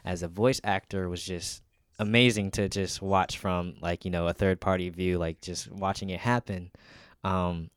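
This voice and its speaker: A man's voice: low voice, fairly even intonation, moderate pace, clear, resonant tone, no echo, studio quality. A man interviewing a guest in casual podcast chat, with a rambling, wordy way of asking.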